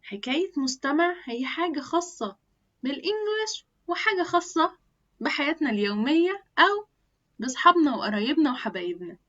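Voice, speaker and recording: A woman's voice: high-pitched, sing-song, a little fast, a bit bright, lo-fi sound. A woman with an Egyptian Arabic accent teaching English in a chatty spoken lesson, modelling English words aloud as she explains.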